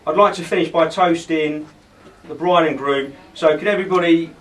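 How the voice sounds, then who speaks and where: Man giving a rambling wedding toast, distant mic. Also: fairly high pitch. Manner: rambling, halting, repeats phrases. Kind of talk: informal wedding toast speech. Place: wedding reception, speaking to gathered guests. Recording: distant mic in a noisy room.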